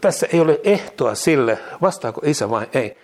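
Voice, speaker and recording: A man preaching and leading prayer, repeating each phrase twice with bursts of laughter and exclamations. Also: on the high side. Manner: fervent declarations, calmer teaching later. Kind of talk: charismatic sermon and prayer.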